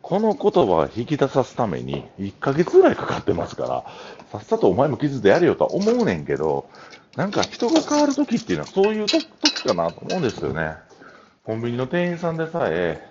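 Man, Kansai accent, middle-aged, chatty solo talk, lively pitch, faint background noise. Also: fast, lo-fi sound. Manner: chatty, meandering storytelling. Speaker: podcast host.

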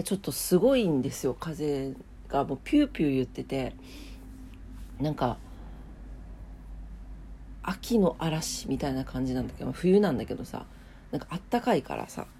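A woman's voice: lowish voice, dark tone. A woman with a nasal, stuffed-up, drowsy voice, chatting casually as she reads out a morning bulletin. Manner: drowsy, unpolished. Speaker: host of a daily morning weather and today-in-history show. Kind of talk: casual chat mixed with reading weather and trivia notes.

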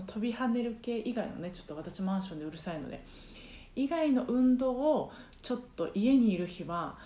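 A woman's voice: mid-range voice, mellow, roomy sound. A woman who works as a singing trainer, hosting her own podcast in a casual, chatty way with many fillers. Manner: chatty, many fillers, sings short phrases to demonstrate. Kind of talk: casual solo podcast talk. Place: apartment home.

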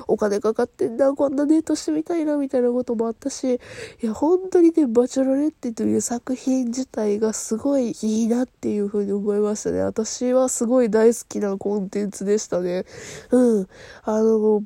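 A woman's voice: on the high side, vocal fry, warm tone, no room sound, studio quality. A woman with a Kansai accent hosting her own podcast, talking casually while crying, her voice nasal and stuffed up, rambling with many fillers. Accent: Kansai Japanese. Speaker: podcast host. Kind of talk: solo casual talk.

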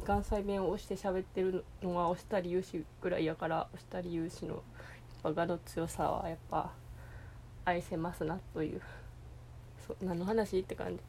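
A woman with a Kansai accent from Osaka, talking alone in a loose, meandering chat. Her voice sits at a middling pitch, and she stops and restarts her sentences often. A faint noise hums under her voice. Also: dark tone. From Osaka, Japan. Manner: rambling, hesitant, full of fillers and restarts. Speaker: podcast host. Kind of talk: casual solo chat.

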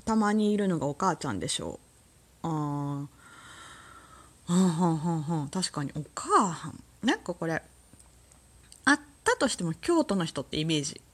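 A woman with a Kansai accent chatting alone on a podcast, relaxed and rambling, laughing often. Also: low voice, moderate pace, pauses often. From Kansai, Japan. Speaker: solo podcast host. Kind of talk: casual solo talk.

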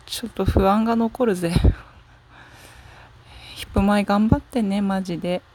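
A woman's voice: mid-range voice, fairly even intonation, a little slow, a little mellow. A woman musing aloud in a casual solo talk, rambling and frank, stopping often to correct herself and trailing off into fillers. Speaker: solo talk show host. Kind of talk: casual solo fan chat. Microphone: smartphone app recording.

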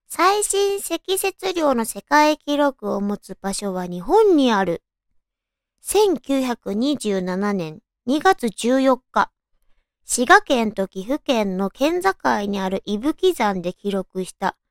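A woman with a naturally high, cute anime-girl voice hosts a solo radio-style show, talking in a girlish, expressive way. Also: no room sound, clean studio sound. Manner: cutesy, girlish, expressive delivery. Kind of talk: solo radio-style chat, reading trivia with casual reactions.

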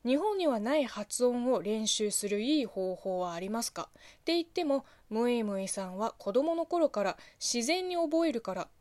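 A woman from China speaking Japanese with a Chinese accent, hosting a solo radio talk show, reading listener letters and answering them in a chatty, animated way full of fillers. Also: fairly high pitch, moderate pace, hardly any pauses, no room sound. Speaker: host.

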